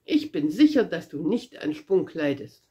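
A woman voicing a calm, kindly old male doctor in a storybook, with a reassuring manner. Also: sits low, measured pace, muffled recording, pitched below the performer's own voice.

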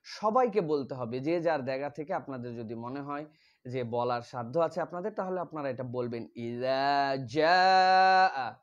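A man teaching Quran pronunciation and tafsir, drawing out Arabic words loudly, then explaining more quietly. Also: on the high side, highs cut off.

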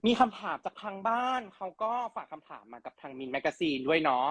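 A man's voice: fairly high pitch, big pitch swings, fast talker, fairly bright tone, dry recording. A chatty male host runs a casual interview, his voice swinging up and down with lots of animation. He teases his guest between questions and reads the fans' questions out one after another.

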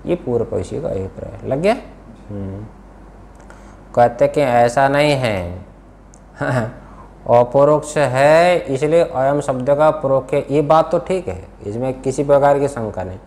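A man's voice: medium pitch, expressive, unhurried, darkish tone. A man teaching a scripture class in an Indian accent, questioning his students and repeating key words. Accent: Hindi-speaking Indian. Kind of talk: classroom lesson, explaining a text.

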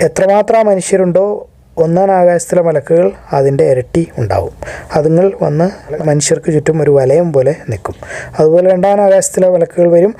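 A man's voice: fairly high pitch, mellow, no echo. A man reading scripture translations aloud and stopping to explain them in his own words, restating points more simply as he goes. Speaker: religious teacher translating hadith. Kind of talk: reading a translation with spoken commentary.

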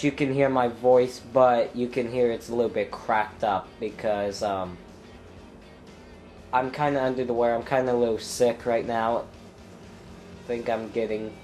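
A young gameplay commentator with a blocked nose and clogged throat talks slowly in a laid-back let's-play. His medium-pitched voice rambles as he thinks aloud through many ums, broken up by abrupt loud exclamations.

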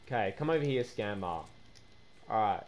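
A man hosting a game video, excitable and chatty, slipping into shrill indignation when he feels cheated. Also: moderate pace. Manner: excitable, repeats "guys" and "bro", turns shrill and indignant. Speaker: gaming YouTuber host. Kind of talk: gaming commentary with voice chat.

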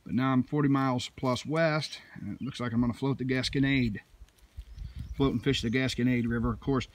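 Walking through rural woods with his phone camera, a middle-aged vlogger from Missouri gives a casual, off-the-cuff tour of his canoe rack, rambling proudly and folksily. His mid-range voice is steady and a little fast, with no room sound.

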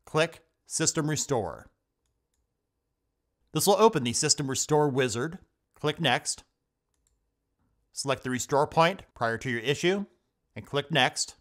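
A man of middle pitch narrates a computer repair tutorial as a scripted voice-over. He walks through each step in a steady, instructional way, spelling out commands letter by letter. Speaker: tech tutorial host. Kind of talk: scripted screen-recording voice-over.

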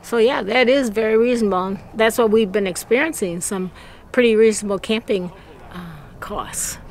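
A middle-aged woman chats agreeably on a travel vlog, often affirming what her partner says. She is outdoors with the camera at arm's length, and faint background noise sits under her medium-pitched voice. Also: normal speed, rough recording. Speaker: travel vlogger. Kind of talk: casual travel vlog chat. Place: outdoors by a desert campground. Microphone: camera held at arm's length.

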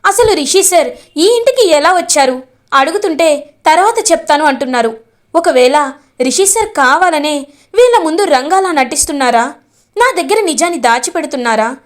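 A woman's voice: high-pitched, lively intonation, normal speed, long pauses. A woman voicing a young woman's worried, determined inner thoughts. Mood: resolute. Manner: questioning, resolute inner voice.

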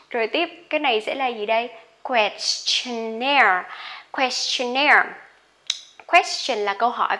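Female teacher, higher voice, drills words slowly, chatty in between. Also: fairly bright tone. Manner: drawn-out slow modeling of each word, quick chatty asides. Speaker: English pronunciation teacher. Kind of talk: pronunciation lesson.

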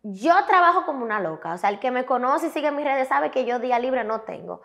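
A young woman with a Dominican Spanish accent, a guest telling her story in a candid, emphatic, animated way. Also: high voice, a little fast, vocal fry. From Dominican Republic. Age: young adult. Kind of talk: candid interview talk.

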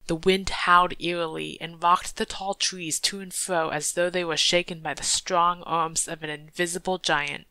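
Woman reading a folk tale, lowish voice, dry close sound. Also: pushed and bright, dry recording. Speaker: audiobook reader. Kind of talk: storybook narration.

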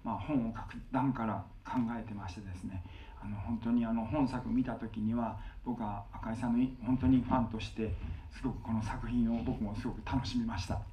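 A man's voice: on the low side, fairly even intonation, normal speed, mellow, a little hiss or hum. A man who is a film director, answering on a cinema stage in earnest, long, winding sentences.

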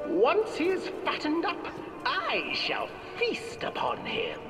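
A man doing a coaxing old witch in falsetto. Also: wildly swooping pitch, takes it slowly, full character voice. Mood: menacing. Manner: high, sing-song coaxing falsetto. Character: wheedling old female witch who eats children. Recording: echoey hall from far off, music behind.

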